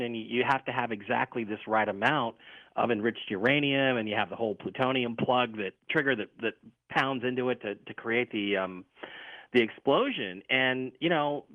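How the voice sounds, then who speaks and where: A man speaking as a talk radio guest, explaining informally in a halting, conversational way over a phone-like line. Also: mid-range voice, no echo.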